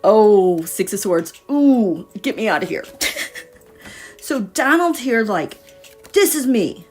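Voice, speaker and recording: A woman's voice: medium pitch, lively intonation, slow, darkish tone, faint music behind. A woman reading tarot cards in a casual livestream, chatty and meandering as she thinks aloud. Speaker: tarot reader.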